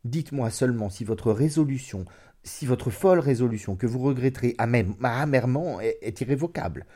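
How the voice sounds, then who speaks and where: A man's voice: medium pitch, a little fast, warm tone, lightly acted. A man voicing an urgent, earnest young lover. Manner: urgent, persuasive, rising insistence. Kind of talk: dramatic audiobook reading.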